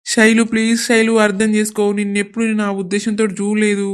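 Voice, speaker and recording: A woman's voice: mid-range voice, little pitch movement, quick pace, clean tone, close to an everyday voice. A woman voicing a weary young husband. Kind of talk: cartoon voice acting.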